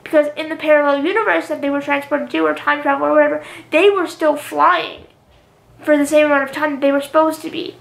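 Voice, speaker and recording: High, gravelly young woman rambling on camera. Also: flat delivery, quick pace, echoey room. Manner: rambling, repeats "literally" and "um". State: slightly hoarse from long talking. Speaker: YouTuber. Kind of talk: casual vlog monologue.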